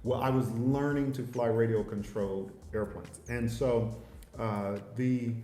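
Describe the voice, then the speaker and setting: A man, a father and host, chatting casually in a measured, halting way with frequent pauses. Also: mid-range voice, fairly even intonation, dark tone. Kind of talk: casual livestream chat. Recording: roomy echo, faint noise.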